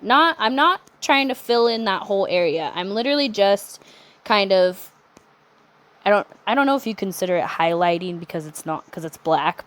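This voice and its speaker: A young adult woman talking through a nail art tutorial in a chatty, relaxed way, with self-correcting asides. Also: medium pitch. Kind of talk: casual step-by-step tutorial narration.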